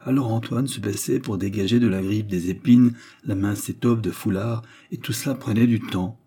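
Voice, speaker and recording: A man narrating a classic novel as an audiobook in a calm, measured reading. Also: fairly low pitch, slightly rough.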